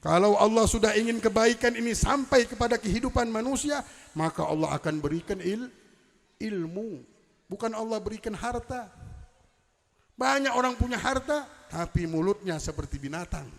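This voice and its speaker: A man's voice: high-pitched, moderate pace, creaky, long reverb tail. A man preaching at a religious celebration, telling stories emphatically and weaving in Arabic quotations. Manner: storytelling, emphatic rising delivery with Arabic quotations. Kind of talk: religious lecture at a public celebration. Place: large event hall.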